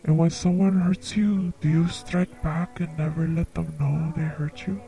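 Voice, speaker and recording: A man hosting a comedic call-in show as a psychic, speaking in a slow, soft-spoken, earnest way. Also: a little high, flat delivery, creaky, faint music behind, poor audio. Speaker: psychic radio show host.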